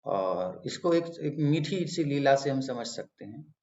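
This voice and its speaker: A man's voice: medium pitch, expressive, a little slow, darkish tone. Man preaching a storytelling sermon. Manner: storytelling, explanatory, emphatic. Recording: roomy, dull lo-fi.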